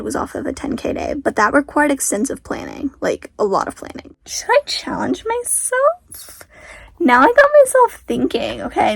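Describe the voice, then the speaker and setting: This teenage girl, an author, rambles through a casual vlog chat, anxious and self-mocking, with a sleepy sound. Her voice is on the high side, creaky and husky, captured in a dry recording.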